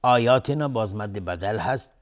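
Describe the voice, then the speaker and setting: A man with a Persian accent teaching Quran recitation rules, explaining calmly and then chanting verses slowly. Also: on the low side.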